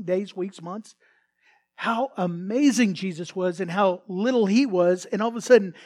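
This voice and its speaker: High-voiced man preaching a sermon. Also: a little mellow. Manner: conversational preaching with many restarts and acted quotes. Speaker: pastor.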